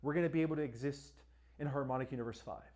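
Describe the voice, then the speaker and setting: A Spanish-accented man hosts a live-stream Q&A at a very fast clip, his medium-pitched voice darkish in tone. He speaks emphatically, keeps checking in with "all right" and "right?", and asks viewers to like and share.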